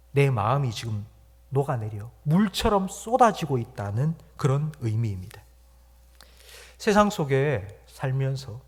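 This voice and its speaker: Man preaching in church, pretty high voice, swings loud then soft, does little voices for quotes. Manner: impassioned preaching with sudden loud swells and soft drops; acts out inner voices in quoted speech. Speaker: pastor. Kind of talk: sermon.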